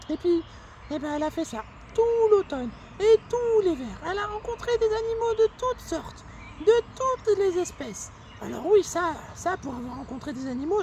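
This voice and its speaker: The voice sits high with a darkish tone: a woman performing a cheerful young male squirrel who chats his way through a children's story, using lots of fillers. A little hiss or hum runs underneath.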